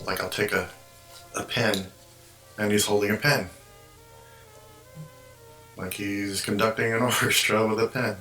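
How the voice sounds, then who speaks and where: Male ventriloquist, low and bright-toned, casual rambling show-and-tell, roomy recording. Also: little pitch movement, measured pace, long pauses. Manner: rambling, explains as he handles the puppet. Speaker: ventriloquist and puppet collector. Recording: roomy echo, faint music behind.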